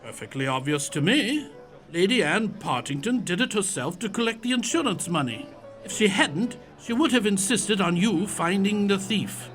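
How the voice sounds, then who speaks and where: Male actor playing a blustery gentleman doctor, hearty, high-pitched, lively swings, music underneath, audio drama. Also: moderate pace. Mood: confident. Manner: hearty, exclamatory. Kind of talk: audio theatre acting.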